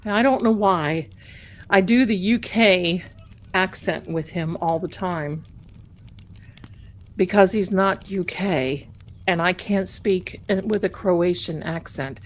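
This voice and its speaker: Speaking slowly in a lowish voice, a tarot reader chats casually on her live stream. She rambles along and addresses viewers as "my darlings."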